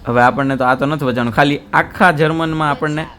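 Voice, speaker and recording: A man's voice: on the high side, fairly even intonation, fairly quick, fairly bright tone, a little hiss or hum. A young man, chatting and joking in a casual home vlog. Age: young adult. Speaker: vlogger. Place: family home indoors.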